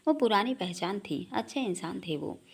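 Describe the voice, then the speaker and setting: A woman's voice: medium pitch, expressive, moderate pace, vocal fry, husky. A woman reading the lines of a polite, guarded middle-aged man in a storybook reading. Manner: polite, careful.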